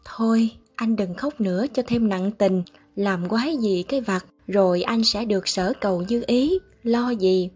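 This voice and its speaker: A woman reading aloud voices a calm elderly gentleman who speaks in a measured, gently wry way, with a husky voice. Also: medium pitch, faint music behind.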